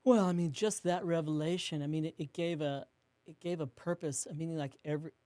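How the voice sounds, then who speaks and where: Mellow-voiced man telling a rambling story. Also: fairly high pitch, steady tone, a little fast, no echo. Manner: rambling, with many restarts and fillers; acts out quotes in a hushed voice. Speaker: business co-owner, guest. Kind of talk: casual storytelling interview.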